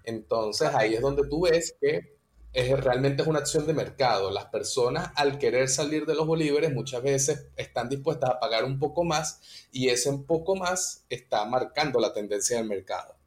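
A man's voice: mid-range voice, moderate pace. A man, a guest in an interview, patiently explaining economic terms step by step with examples. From Venezuela.

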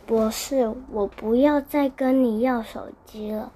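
A woman's voice: on the high side, fairly even intonation, a little slow, mellow, a little hiss or hum, lightly acted. A woman voicing a curious, kindly young child in a bedtime storybook, earnest and wondering.

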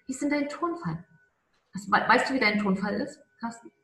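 A woman coaching on charisma in a conversational interview, emphatic and stretching key words slowly. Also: mid-range voice, fairly bright tone, echoey room, soft background music.

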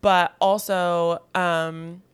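A woman's voice: fairly low pitch, extremely slow, clean tone. Casual chatty woman co-host. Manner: animated retelling of movie scenes, quoting lines and laughing. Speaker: podcast co-host. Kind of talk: casual chat.

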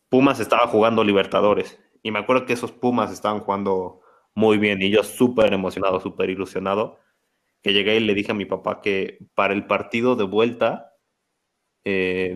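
A man in his twenties with a Mexican accent, co-hosting a podcast and telling stories in a lively way. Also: fairly low pitch. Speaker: podcast co-host. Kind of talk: casual chat.

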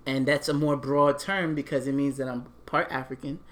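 Man, podcast co-host, casual chat, animated, laughs often. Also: mid-range voice, moderate pace. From Panamanian and Haitian roots, born in the US. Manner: animated, laughing, repeats "you know what I'm saying".

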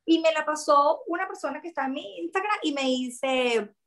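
Venezuelan woman guest, high pitch, lively chatty storyteller. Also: moderate pace. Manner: expressive, animated storytelling with quoted voices. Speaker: interview guest. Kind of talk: casual chat.

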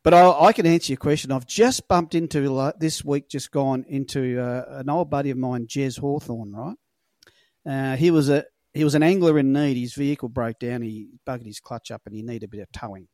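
Laconic Australian bloke telling yarns. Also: male voice, medium pitch, a little fast, darkish tone, no echo, studio quality. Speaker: podcast guest, lure fisherman. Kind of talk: casual chat, rambling anecdotes.

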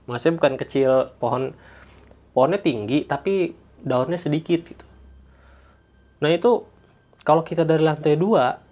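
A man's voice: a little high, normal speed, pauses often, a little mellow. A man, chatting as a guest who tells office ghost stories and acts out the sounds with little noises. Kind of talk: casual storytelling chat.

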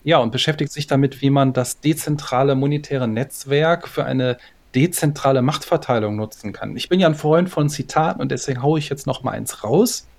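A man with a gravelly, creaky voice chats casually as a podcast co-host. He talks in a loose, relaxed way, hedging and filling pauses as he goes. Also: medium pitch. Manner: relaxed, chatty, with fillers and hedges. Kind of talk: casual chat.

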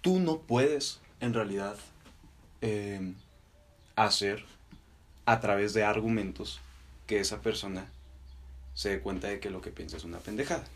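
A young man with a Mexican accent co-hosting a podcast, debating casually and deliberately in short, halting phrases. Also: fairly low pitch. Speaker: podcast co-host.

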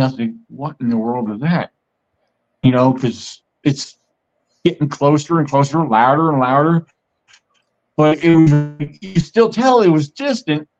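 A man's voice: a little high, lively intonation, unhurried. A man hosting a podcast, telling a story in a casual, meandering, conversational way. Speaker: podcast host. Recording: muffled lo-fi audio.

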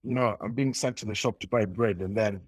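A young adult man appears as an interview guest, telling his story in a rambling way with many restarts and laughs. His lowish voice is husky and brisk, recorded with clean studio sound and no room sound.

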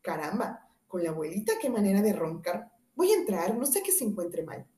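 A woman's voice: big pitch swings, moderate pace, mellow, roomy sound, close to an everyday voice. A woman voicing a bold grown male hunter in a storybook tale, dropping her voice into a blunt tone. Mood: puzzled. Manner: lower and blunt.

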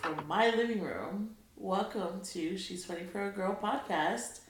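A woman's voice: medium pitch, unhurried, over music. A woman co-hosting a casual podcast from her living room, laid-back and filling her talk with ums. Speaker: podcast co-host. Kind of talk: casual chat. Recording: strongly echoing room.

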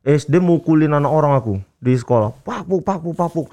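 A man recounts a schoolyard fight in relaxed chat. His voice sits high with lively swings, and he rattles along, chuckling at himself. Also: fairly quick. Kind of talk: casual storytelling chat.

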